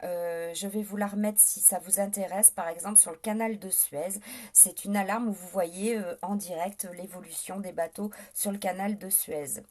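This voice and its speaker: Woman, live-stream host, hesitant casual delivery, warm dark tone. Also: medium pitch, steady tone, moderate pace, a little hiss or hum. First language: French. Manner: hesitant, many fillers, indignant at trolls. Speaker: livestream host.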